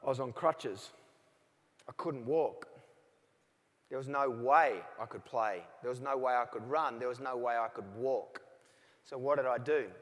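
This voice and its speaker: A man in his forties with an Australian accent, giving a motivational keynote speech and telling stories with acted-out phone calls. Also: medium pitch. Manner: storytelling, acts out both sides of remembered phone calls. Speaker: motivational speaker. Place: large hall with audience. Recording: reverberant hall.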